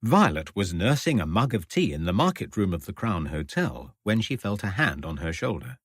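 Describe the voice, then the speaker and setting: A male audiobook narrator with a deep voice and a breathy edge reads scripted narration in an expressive, measured storytelling style. The recording is dry, with clean studio sound.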